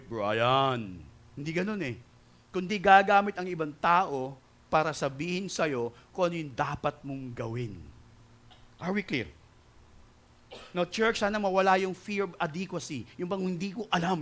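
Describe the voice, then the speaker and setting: A male pastor preaching a sermon, mixing Tagalog with English and often asking the congregation "right?" as he swings between loud and soft delivery. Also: sits high. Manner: mixes Tagalog and English, keeps asking the crowd "di ba?" and "tama?".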